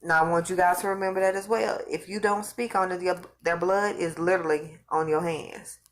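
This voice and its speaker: In a brisk, steady, fairly low voice, a woman tells her viewers about religious visions. Her voice is fading as she rambles casually through the account, often circling back to repeat or restart what she was saying.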